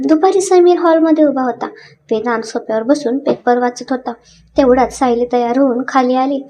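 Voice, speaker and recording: A woman storyteller narrating a romance story in an expressive, dramatic way. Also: high voice.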